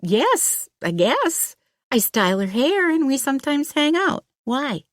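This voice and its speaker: A woman reading a nervous, flustered young female hairstylist in an audiobook, pitched high and hesitant. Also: sing-song, measured pace, dry recording, studio quality.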